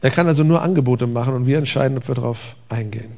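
A man preaching a conversational sermon from a church stage, with rhetorical questions and a lively, engaging delivery. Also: medium pitch, fast, gravelly. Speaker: pastor.

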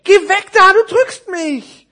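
A tired, know-it-all necktie gift from a spoken storybook, with a man doing the voice. The voice is squeaky and high, and it lectures with a clipped impatience. It is read aloud to children. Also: slow, bright, forceful tone, heavily acted. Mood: squeezed, annoyed.

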